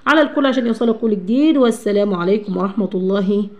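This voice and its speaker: A woman teacher with an Egyptian Arabic accent giving a children's grammar lesson, asking questions and answering them herself, slowing down to spell words out. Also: mid-range voice.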